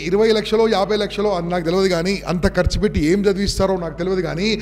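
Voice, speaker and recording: Brief: high-pitched male motivational speaker, commanding and rousing, long hall reverb. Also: fairly even intonation, racing, a little mellow. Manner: commanding, rousing, mixing English into Telugu. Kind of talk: motivational seminar talk to students.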